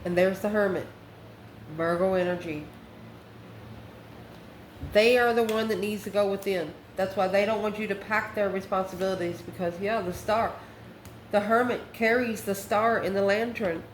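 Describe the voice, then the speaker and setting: This tarot reader's mid-range voice stays steady at a normal speed, broken by long pauses. She delivers a casual, improvised reading straight to the viewer, chatty and exclamatory. Echo and faint background noise fill the room.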